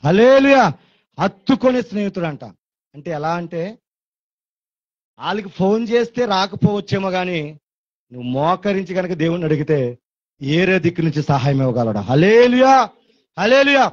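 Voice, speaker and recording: A male pastor with a Telugu accent preaching a fervent sermon, with his voice climbing into shouted praise. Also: sits high, normal speed, pauses often, no room sound. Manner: fervent, rising to shouted hallelujahs and quoted pleas. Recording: muffled lo-fi sound, dry.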